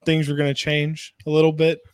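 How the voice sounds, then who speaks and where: A man's voice: a little high, completely flat delivery, brisk, clear, resonant tone, dry recording. A man talking sports casually and enthusiastically as a podcast guest on a close mic. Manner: enthusiastic, informal. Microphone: close mic on remote video call.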